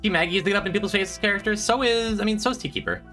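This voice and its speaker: Soft music plays as a man fires off bright, forceful, rapid commentary on his game to his chat. His voice is congested, and he rambles, mocks himself, and drops into squeaky, high-pitched jokes.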